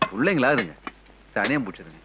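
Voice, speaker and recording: A man's voice: fairly low pitch, big pitch swings, highs cut off, background noise. An actor playing a thrifty, irritable middle-aged father who scolds his family and grumbles about money. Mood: grumbling. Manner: grumbling, scolding, quick-tempered. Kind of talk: film scene acting.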